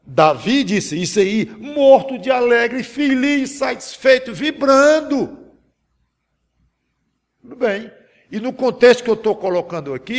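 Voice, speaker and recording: Gravelly, husky preacher. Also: male voice, a little high. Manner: earnest, pleading, with many restarts and self-corrections. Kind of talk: sermon with a spoken example prayer.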